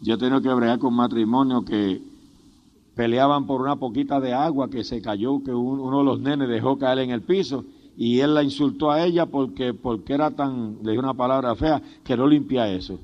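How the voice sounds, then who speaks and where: A male pastor preaches a fervent, funny sermon, telling humorous stories with laughter and frequently breaking off to praise God. His voice is medium-pitched at a moderate pace, captured on a dull, lo-fi sermon tape.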